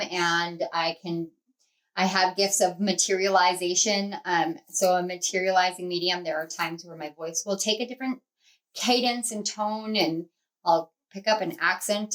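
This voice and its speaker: Poor audio captures a mid-range, fairly bright female voice. She's a channel host doing a pick-a-card tarot reading, earnestly rambling to her viewers as a group, with many fillers and false starts.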